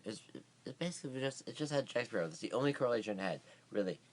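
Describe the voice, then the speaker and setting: A tired man chatting through a casual vlog movie review. He rambles, leans on fillers and restarts himself often. His pitch sits in the ordinary middle for a man. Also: expressive, rapid-fire, heavy background noise.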